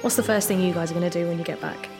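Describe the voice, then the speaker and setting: A woman's voice: lowish voice, steady tone, rapid-fire, over music, lightly acted. A woman playing a chatty, relieved crash survivor in a comedy sketch.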